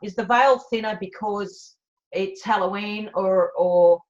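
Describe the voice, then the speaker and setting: A woman's voice: medium pitch, measured pace, highs cut off. A woman talking as an interview guest, musing aloud with lots of fillers. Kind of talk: casual conversational interview.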